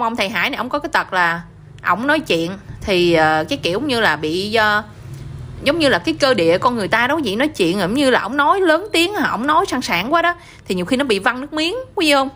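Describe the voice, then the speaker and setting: Woman, Southern Vietnamese accent, higher pitched, chatty commentary, keeps asking the viewers questions. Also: sharp tone. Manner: addresses viewers constantly with rhetorical questions. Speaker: gossip news commentator.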